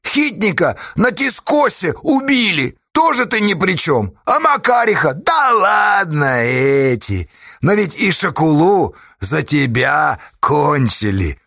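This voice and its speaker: A sly outlaw with a devil's grin, as a male reader plays him, jeering in a raised, gravelly voice that swings wide and lively. He is loud and accusing, his taunts landing hard in a bright, husky tone. It is a storybook villain, close and dry. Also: a little high, takes it slowly, no room sound, pitched above the performer's own voice, heavily acted. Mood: mocking.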